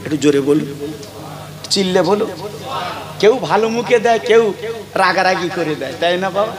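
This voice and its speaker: Male preacher, high voice, fervent sermon that calls out to the crowd and drops to a hush. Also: lively intonation, normal speed. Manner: dramatic swings between loud high cries and low hushed lines; addresses the crowd directly with calls and questions. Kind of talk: impassioned Bengali waz sermon.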